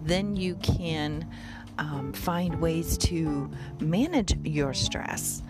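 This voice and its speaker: A woman's voice: low voice, drawn-out words, over music. A woman hosting a motivational podcast, speaking directly and conversationally to her listeners. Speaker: podcast host.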